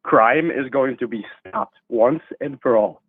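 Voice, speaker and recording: A young man in his twenties calling in to a livestream, his voice run through a deep pitch-shifting voice changer, talking in an earnest, matter-of-fact way. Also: measured pace, husky. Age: 20s. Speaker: caller. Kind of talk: call-in chat on a livestream. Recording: tinny dry phone line.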